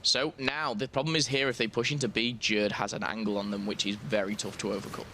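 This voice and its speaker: A man's voice: lowish voice, little pitch movement, a little fast, pushed and bright, slight background noise. A man giving chatty, analytical color commentary on an esports match, with joking asides.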